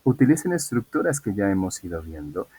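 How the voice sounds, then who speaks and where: A man's voice: fairly low pitch, sing-song, fairly quick, warm tone, breathy edge. A man teaching an English class online, explaining patiently and asking students questions.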